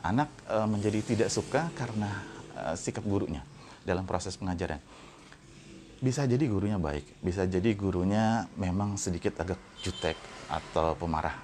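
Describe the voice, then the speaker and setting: A man explaining in a measured educational monologue, often pausing on hesitation fillers. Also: low-pitched, a little mellow, a little hiss or hum.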